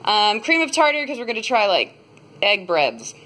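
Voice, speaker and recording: Here a young woman in her twenties talks casually through a grocery haul vlog, rambling and filling gaps, with the phone camera held out at arm's length. The setting shifts from a parked car to a home kitchen, and her voice is on the high side, sing-song, bright and forceful at a moderate pace.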